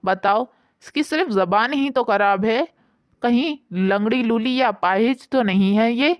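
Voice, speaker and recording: A woman's voice: a little high, measured pace, no room sound, studio quality, lightly acted. A woman voicing a scornful middle-aged sister-in-law who complains about her family in a storybook tale. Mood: resentful. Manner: complaining, sneering.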